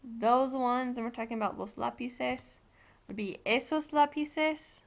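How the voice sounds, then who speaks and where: A woman's voice: fairly high pitch, a little slow, gravelly. An American woman Spanish teacher giving a recorded classroom lesson, explaining patiently step by step with frequent ums.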